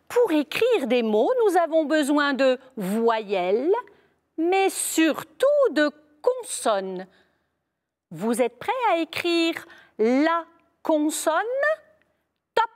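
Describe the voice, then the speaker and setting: Woman teacher, slow deliberate dictation, high expressive voice. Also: big-room sound. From France. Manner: slow, clear dictation with emphatic repeated words. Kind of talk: spelling lesson video.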